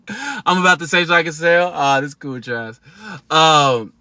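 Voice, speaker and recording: Animated but unhurried, a thirty-something American livestreamer talks casually to his audience with slang, emphasis, and laughter. The voice is a little high with a bright edge, recorded dry and close without any echo or room sound.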